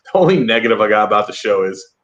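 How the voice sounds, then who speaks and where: A man's voice: fairly low pitch, very animated, fast, a bit bright. Enthusiastic podcast host man, dull audio. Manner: enthusiastic, chuckles between remarks. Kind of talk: casual interview chat.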